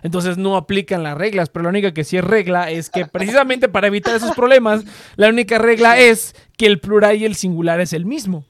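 A man's voice: high-pitched, a little fast, fairly bright tone, no echo, clean studio sound. A man with a Mexican Spanish accent, trading brash, profane, insistent banter in a casual chat among friends.

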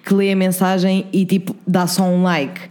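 A woman's voice: lowish voice, level tone, moderate pace, a little mellow. A woman with a European Portuguese accent, co-hosting a podcast in casual chat and mixing English words into her Portuguese. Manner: chatty, agrees often, mixes English words into Portuguese. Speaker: podcast co-host.

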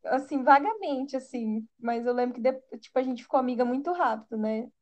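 A young Brazilian woman with a Brazilian accent chats casually as a podcast co-host, in a bubbly, girly, slangy and expressive way. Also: high-pitched, brisk. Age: young adult. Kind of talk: casual chat between friends.

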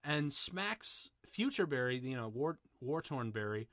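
A man co-hosting a podcast, chatting casually about a movie in an excitable, rambling way with plenty of swearing. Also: medium pitch, measured pace, no echo, clean studio sound. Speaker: podcast co-host. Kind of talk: casual movie commentary chat.

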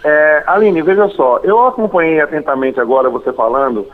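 A Brazilian man calling into a radio show over the phone, speaking in a formal, measured way and listing points one by one. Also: fairly high pitch. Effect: phone-line call into a radio show. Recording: tinny phone line.

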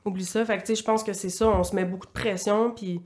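A woman's voice: mid-range voice, fairly even intonation, fast talker, darkish tone. A woman in her thirties with a Quebec French accent, a podcast guest telling her story in a candid, run-on way. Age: 30s. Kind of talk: casual conversational interview.

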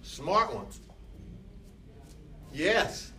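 A man teaching a class, slow and emphatic, often talking back to himself in quoted dialogue. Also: on the high side, big pitch swings. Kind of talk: classroom talk. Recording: noisy room, voice from a distance.

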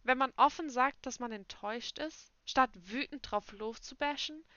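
Bright high-voiced young woman chatting. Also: normal speed, dry recording, dull audio. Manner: expressive, acts out quoted dialogue. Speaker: podcast co-host. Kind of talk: casual chat.

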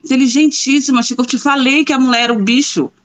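A woman's voice: high-pitched, steady tone, quick pace. Emphatic woman chatting on a live show. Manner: emphatic, repeats herself for effect. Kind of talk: casual chat.

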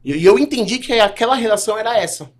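A man's voice: high-pitched, fast talker, noisy background. A man in his thirties, a health insurance broker and podcast guest, telling a sales story in casual chat and acting out the dialogue. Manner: animated, acts out dialogue while telling a story.

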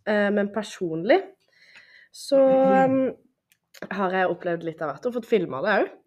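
A young woman, a podcast guest, telling stories in a casual chat in an animated way, with many fillers. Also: mid-range voice.

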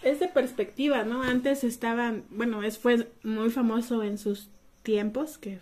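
Chatty woman, slightly high voice. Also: fairly even intonation, unhurried, darkish tone. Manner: chatty, restarts often. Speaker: podcast co-host. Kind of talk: casual conversation.

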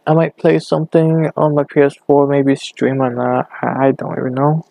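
A young man rambling hesitantly on his own podcast, talking low in his bedroom with a hand cupped over the mic. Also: flat delivery, moderate pace, creaky, dark tone, no echo. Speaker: podcast host. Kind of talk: casual solo podcast. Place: bedroom at home.

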